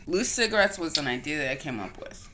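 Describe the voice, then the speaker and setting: Insistent woman with a bright, tense voice. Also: sits low, fast, a little hiss or hum. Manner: insistent, deadpan, steers back to her theory. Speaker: co-host. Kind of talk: casual chat.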